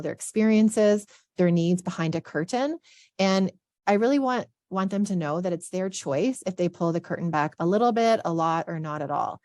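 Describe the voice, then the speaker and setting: An earnest woman walks her audience through a training scenario, explaining carefully with plenty of verbal fillers. Her voice sits on the low side. The webinar microphone sounds close and dry. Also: darkish tone, dry recording. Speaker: assistant dean of students, workshop presenter. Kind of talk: training presentation.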